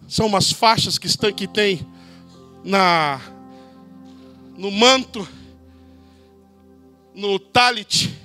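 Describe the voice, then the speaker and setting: A Brazilian man preaching a sermon as pastor, dramatic, acting out crowd voices and shouting out names. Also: high-pitched. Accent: Brazilian Portuguese.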